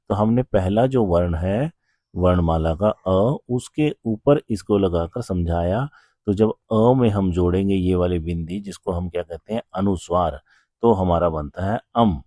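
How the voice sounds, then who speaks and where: Slow, deep-voiced male teacher. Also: dark tone, dry recording, clean studio sound. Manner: slow, patient explaining with frequent rhetorical questions. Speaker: Sanskrit teacher. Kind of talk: classroom grammar lesson.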